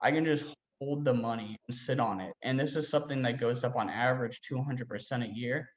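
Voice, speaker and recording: A man's voice: mid-range voice, a little fast. Young man rambling with roomy echo. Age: young adult. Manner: rambling, heavy use of "like" fillers. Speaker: interview guest. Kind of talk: casual interview talk.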